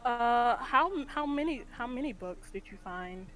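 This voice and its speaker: Curious young woman adventurer, played by a woman, hesitant, questioning, higher voice, tabletop game. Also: expressive, unhurried, a bit bright, poor audio.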